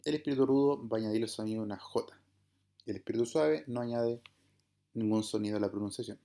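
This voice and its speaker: Patient man teaching a class, dark voice. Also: lowish voice, quick pace, gravelly. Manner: patient, explanatory, checks understanding with "¿verdad?" and "¿bien?". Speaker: Greek teacher. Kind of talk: online class lecture.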